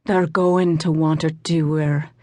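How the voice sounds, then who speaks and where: A woman's voice: sits low, little pitch movement, slow, no echo, clean studio sound. A woman doing a kind, worried male Coblin. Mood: concerned. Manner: concerned, gentle. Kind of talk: audiobook narration.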